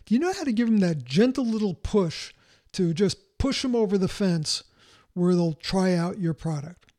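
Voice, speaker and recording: A man's voice: sits high, animated, moderate pace, darkish tone. A man who coaches salespeople, giving a motivational talk with rhetorical questions and a story from his own career.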